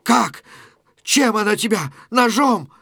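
A man reading a play aloud, voicing a violent young thief who shouts in anger. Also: high-pitched, lively intonation, normal speed, no room sound, clean studio sound. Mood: furious. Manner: harsh, angry shouting.

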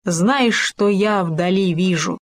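A gloomy old bear from a storybook, sighing and speaking slowly and heavily, as a woman reads him. The voice sits low and even. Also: dry recording, clean studio sound. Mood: mournful. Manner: slow, sighing. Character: sad old male bear, mournful.

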